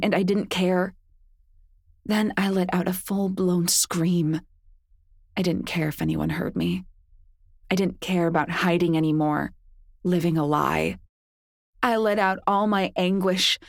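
A woman's voice: fairly low pitch, gravelly, no echo, studio quality. A woman narrating first-person audiobook fiction with intense, emotional delivery.

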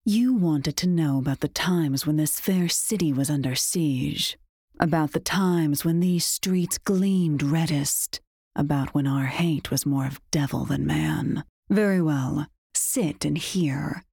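A woman reads as a grave chronicler of a dark tale, her voice lowered and slowed into a solemn, foreboding warning. The tone is gravelly and husky, dry and close. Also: no echo, exaggerated voice.

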